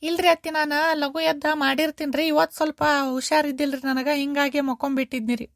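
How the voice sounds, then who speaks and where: Lady voicing a young cartoon daughter-in-law, high voice, north karnataka accent, polite and pleading. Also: flat delivery, fairly quick, no room sound, clean studio sound. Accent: North Karnataka Kannada. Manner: polite, pleading, respectful address.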